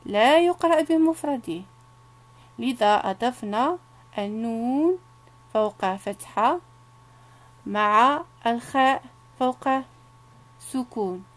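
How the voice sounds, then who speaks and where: Woman teacher with a Moroccan accent, slightly high voice, very slow drawn-out syllables, patient reading lesson for children.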